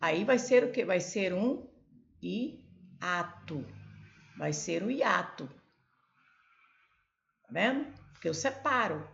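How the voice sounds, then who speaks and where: A woman's voice: on the low side, expressive, takes it slowly, creaky, long pauses, a bit bright, muffled recording, a little hiss or hum. A woman teaching a Portuguese grammar lesson at a board, explaining step by step and pointing things out as she goes. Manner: explains step by step, many "olha" and "ó" prompts.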